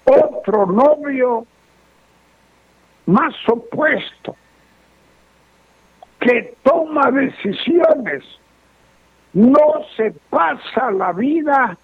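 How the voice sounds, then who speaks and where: A man's voice: extremely high pitch, slightly rough, dry recording. A man, a radio advice host and fortune teller, answering listeners' letters in a stern, moralizing way. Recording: lo-fi radio broadcast.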